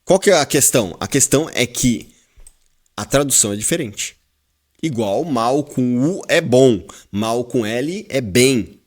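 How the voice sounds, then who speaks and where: Slow, lively-voiced Brazilian male teacher. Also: medium pitch. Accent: Brazilian Portuguese. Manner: explains slowly, repeats words, quizzes the class. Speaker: Hebrew teacher. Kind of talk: classroom lesson.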